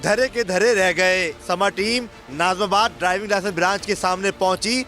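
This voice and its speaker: A man's voice: sits high, sharp tone, faint music behind. A man, reporting on the street and narrating a news piece. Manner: rapid, pressing questions. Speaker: field reporter.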